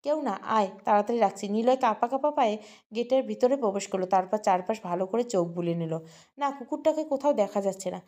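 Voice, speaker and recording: A woman's voice: medium pitch, expressive, quick pace, warm tone. A woman narrating a romantic audio story, voicing all the characters herself with small shifts in tone.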